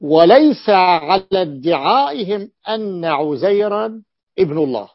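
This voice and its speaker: A man's voice: sits high, lively intonation, measured pace, no echo. A man teaching a grammar lesson, who repeats key phrases and asks and answers his own questions. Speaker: sheikh teaching rhetoric. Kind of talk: classroom lesson explaining Arabic grammar. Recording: dull, dry lo-fi lecture recording.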